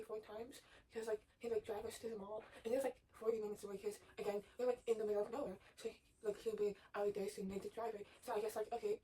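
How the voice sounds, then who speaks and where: A woman's voice: a little high, mellow. A young woman from Texas, a little out of breath, telling a casual story with lots of fillers and swearing. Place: her bedroom. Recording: far from the mic, faint room noise.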